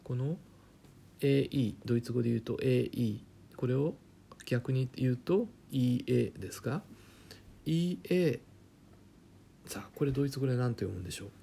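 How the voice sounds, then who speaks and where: A man teaching German pronunciation in a chatty, joking way, often dropping to a quiet aside. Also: mid-range voice, fairly quick, vocal fry, slight background noise. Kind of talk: casual spoken lesson with jokes.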